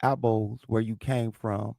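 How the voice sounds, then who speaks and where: Hosting a heated livestream, a lisping man with a St. Louis, South Midwest accent argues crudely and aggressively with his chat. His voice is on the low side, gravelly and warm, with a steady tone and unhurried pace, and there's no echo.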